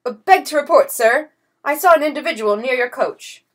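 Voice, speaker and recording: A woman's voice: high voice, expressive, normal speed, pitched above the performer's own voice. A woman reading a storybook voices a nervous cavalry captain who reports stiffly and formally. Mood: flustered. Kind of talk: audiobook character voice.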